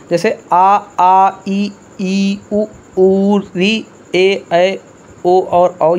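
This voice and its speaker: A man with a high voice runs an exam-prep lesson. He drills each point over and over, quizzing his listeners and calling them "brother" as he goes. A faint background hum sits under the recording. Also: darkish tone. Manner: repetitive drilling with quiz questions; addresses listeners as bhai. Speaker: teacher.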